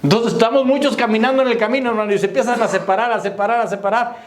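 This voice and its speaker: A man's voice: very high-pitched, steady tone, rapid-fire. A man preaching a sermon as pastor, calling out to the brethren and asking if they understand. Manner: preaching to the congregation, repeating "hermano" and "¿me entiende?". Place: church. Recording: echoey church hall.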